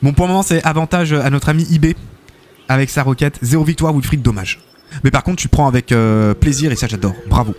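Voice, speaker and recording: A man's voice: medium pitch, fairly quick, a little mellow, slight background noise. A man hosting a live game stream, commentating matches and reading out chat, chatty and full of fillers, thanking viewers often.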